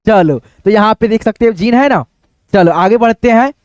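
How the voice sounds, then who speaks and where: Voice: medium pitch, moderate pace, darkish tone, no echo, studio quality. A reading teacher, giving a chatty read-aloud lesson and drawing out syllables.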